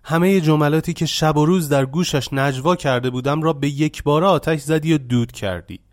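A man voicing an impatient young man who talks in a heated, shouting way. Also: fairly high pitch, no echo, clean studio sound, voice pushed up, close to an everyday voice. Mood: angry.

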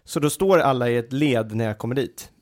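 A man co-hosting a casual chat podcast, telling long anecdotes full of fillers and restarts. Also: medium pitch. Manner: rambling anecdotal storytelling with many fillers. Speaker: podcast co-host.

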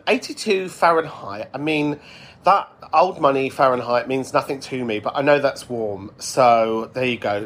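Man, British accent, medium pitch, casual podcast host, chatty, reflective. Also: a bit bright, slight background noise. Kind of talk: casual chatty monologue answering listener messages.

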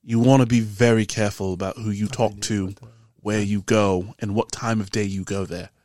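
A man voicing a serious male tavern keeper who warns the party in a low, hushed, measured voice. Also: steady tone, no room sound, clean studio sound, lightly acted. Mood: grave warning.

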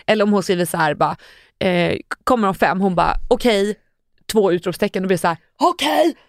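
A young woman co-hosting a podcast in casual chat, animated and acting out quotes. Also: no room sound, clean studio sound. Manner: animated, acts out quotes with sudden high outbursts and laughs. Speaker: podcast co-host.

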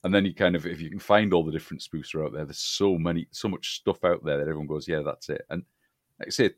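A man's voice: sits low, fast talker, dry recording, clean studio sound. A man hosting a podcast, chatting casually about a film, with frequent fillers and agreeing noises. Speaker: podcast host.

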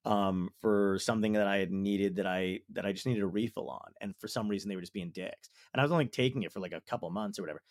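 A man's voice: on the low side, steady tone, fast, hardly any pauses, no room sound, clean studio sound. A man, a comedian and podcast host, telling a story in casual chat, swearing freely and acting out both sides of a phone call.

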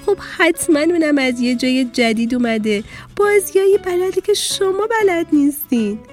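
A kind, patient female fish schoolteacher from a children's storybook, voiced by a woman. She lectures calmly and gently, with a lively rise and fall. Faint music plays underneath. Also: sits high.

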